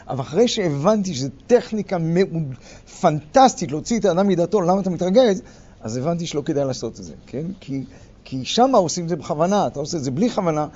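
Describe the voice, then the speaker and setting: An older man leading a workshop, lecturing a group and acting out quarrels in sharp, loud bursts. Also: a little high. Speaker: workshop leader. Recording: muffled recording with faint background noise.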